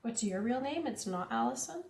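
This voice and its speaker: A woman's voice: fairly high pitch, expressive, moderate pace, vocal fry, darkish tone, reverberant. A young woman from Canada with a central Canadian accent, chatting casually with her viewers while playing a farming game. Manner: chatty, reads chat aloud, giggly asides. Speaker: streamer. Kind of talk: casual gameplay chat.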